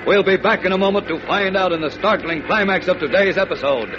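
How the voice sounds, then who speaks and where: A man's voice: high-pitched, fast, highs cut off. A man announcing and narrating an old radio serial in an urgent, theatrical, suspenseful style. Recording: scratchy old radio broadcast, music behind.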